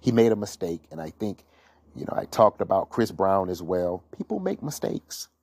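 A man's voice: low voice, big pitch swings, moderate pace, a little mellow, breathy edge, dry recording, clean studio sound. A man hosting his own gossip podcast, talking through celebrity news in an opinionated, rambling way with many fillers and restarts. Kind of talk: casual solo commentary.

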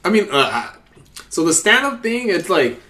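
A young man chatting casually on a podcast, animated and swearing a lot, laughing often. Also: high voice, moderate pace.

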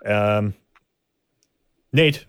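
Low-voiced man hosting a casual podcast. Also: extremely slow, fairly bright tone, smooth, no echo, studio quality. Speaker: sports podcast co-host. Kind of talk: casual chat.

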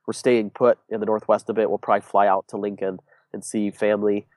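A young man with a stuffed-up, congested voice answers interview questions in a loose, rambling way, full of ums and restarts. His voice sits fairly low and sounds dry and close, with little room around it. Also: level tone, a little fast, a little mellow, no echo. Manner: rambling, many fillers and restarts. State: congested, sick. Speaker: guest, business owner. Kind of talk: casual interview conversation.

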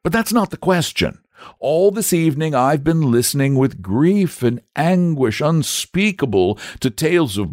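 A man's voice: fairly high pitch, a little mellow, no room sound, studio quality, pitched above the performer's own voice. A man voicing a grand, kindly knight. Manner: grand and courteous. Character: kindly, pompous knight-saint, adult man.

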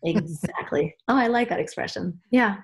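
There's a little hiss or hum as a Swiss spiritual teacher, animated and medium-pitched at a moderate pace, talks on a reflective podcast. She earnestly recounts her path, restarting sentences often while she searches for words.

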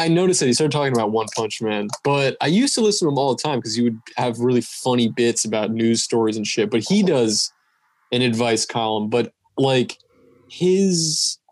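A man's voice: medium pitch, expressive, normal speed. A man in his twenties co-hosting a casual podcast chat, rambling with many restarts and fillers. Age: 20s. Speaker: podcast co-host.

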